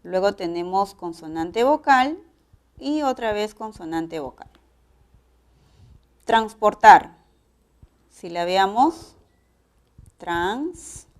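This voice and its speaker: Slow, measured woman teacher with a Peruvian accent. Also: mid-range voice, expressive. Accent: Peruvian Spanish. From Peru. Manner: measured, explanatory, spells out syllable patterns. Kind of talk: pre-university lecture.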